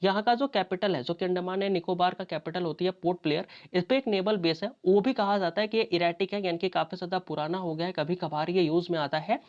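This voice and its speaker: A woman's voice: on the low side, fairly even intonation, fast talker, hardly any pauses, a little mellow. A woman teaching an exam-prep lecture, talking conversationally and asking and answering her own questions. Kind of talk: explanatory lecture. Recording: dull lo-fi audio.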